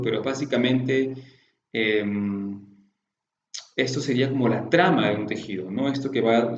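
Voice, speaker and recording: A man's voice: medium pitch, reverberant, highs cut off. A man giving a course lecture on classical Chinese medicine, explaining patiently and posing rhetorical questions to his students. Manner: explanatory, poses rhetorical questions, often adds tag questions.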